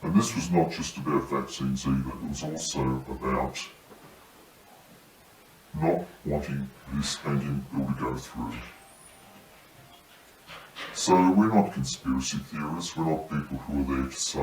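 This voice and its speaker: Man, disguised deep voice, extremely low pitch, serious testimony, halting phrasing, distant mic, faint background noise. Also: steady tone, a little mellow, reverberant. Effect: disguised deep voice, electronically lowered. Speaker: paramedic whistleblower.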